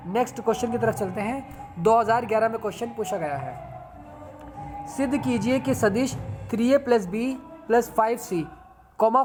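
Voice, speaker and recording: A man teaching a math lesson step by step, repeating phrases and often checking in with his viewers. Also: high voice. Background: background music.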